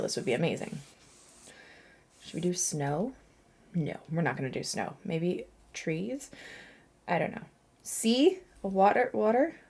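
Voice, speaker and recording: Chatty woman painting, slightly low voice. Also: a little mellow. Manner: chatty, self-mocking, thinking aloud with laughs. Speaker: watercolour artist. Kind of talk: casual painting narration.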